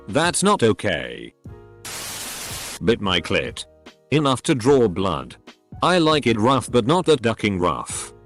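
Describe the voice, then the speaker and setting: A man reading out online posts in a flat, machine-like way, spelling some words letter by letter. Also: on the low side. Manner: reads abbreviations letter by letter, odd phrasing. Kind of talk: flat text-to-speech reading.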